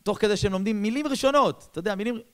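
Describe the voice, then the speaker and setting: Male rabbi, sermon storyteller, slightly high voice, lively, colloquial, big swings in volume. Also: smooth. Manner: animated, swings between loud bursts and soft low asides; addresses listeners directly, colloquial.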